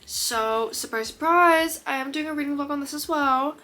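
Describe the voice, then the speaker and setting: A woman chatting casually as a book vlogger, gushing and excitable, sometimes dropping to a whisper. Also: high voice, brisk. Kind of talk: casual chat. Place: her room. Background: faint rain.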